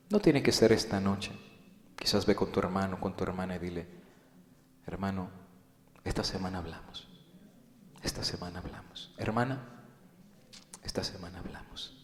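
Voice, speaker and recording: A man with a low voice preaches a sermon to his congregation. He swings from loud, urgent appeals to hushed, whispered pleading. The hall around him is roomy, with a long reverb. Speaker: pastor. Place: church hall. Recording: echoey hall.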